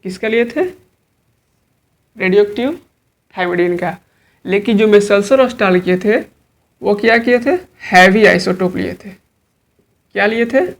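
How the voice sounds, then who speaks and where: A woman biology teacher giving an exam-prep lecture, asking rhetorical questions and repeating each answer to drill it in. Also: mid-range voice.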